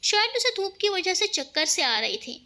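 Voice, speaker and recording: Bright high-voiced woman storyteller. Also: moderate pace. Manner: lively, shifts pitch for each character. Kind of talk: storybook narration, voicing every character.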